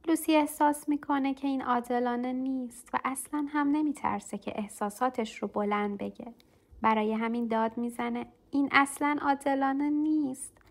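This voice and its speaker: A woman narrates a simple children's story in a gentle, even storytelling manner. Her voice sits slightly high, and she reads clearly and calmly.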